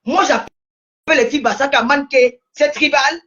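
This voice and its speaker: A woman's voice: sits high, normal speed, a bit bright, dull audio. A woman with a Cameroonian French accent in a heated, scolding social media rant, repeating herself, her voice cracking at times. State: angry.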